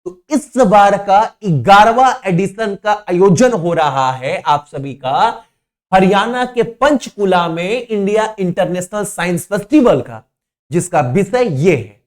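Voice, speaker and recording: A man's voice: sits high, lively intonation, takes it slowly. A man teaching a current affairs lesson for exam students, stressing and repeating key points and answering his own questions, with informal asides.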